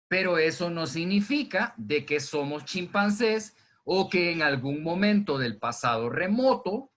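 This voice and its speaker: A man teaching a zoology class by video from home, talking to his students in a relaxed, conversational way and answering his own questions. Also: sits high. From Honduras. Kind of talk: recorded online class lecture. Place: indoors at home during heavy rain. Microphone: computer microphone.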